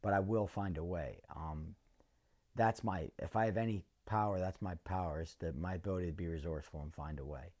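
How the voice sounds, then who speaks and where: A middle-aged man from North answers interview questions in a measured, earnest way, pausing often with ums. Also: low-pitched, a little mellow. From North Philadelphia. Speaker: interviewee, former fighter.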